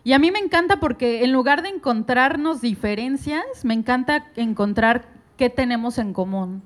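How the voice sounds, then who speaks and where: A woman's voice: on the high side, expressive, moderate pace. A woman from Mexico speaking on a panel to an audience, earnest and personal, addressing them directly.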